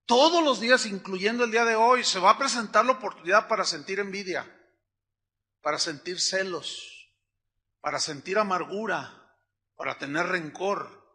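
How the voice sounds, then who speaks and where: A man preaching a sermon with animation, acting out short scenes and swinging from loud emphasis to hushed asides. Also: high voice, moderate pace, pauses often. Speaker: pastor.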